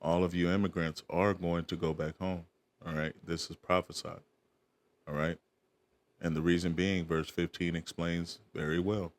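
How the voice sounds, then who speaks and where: A man's voice: deep voice, flat delivery, normal speed. A man preaching, reading archaic scripture verses aloud and breaking in with short asides to his listeners. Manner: reads archaic verses, tags asides with "all right?".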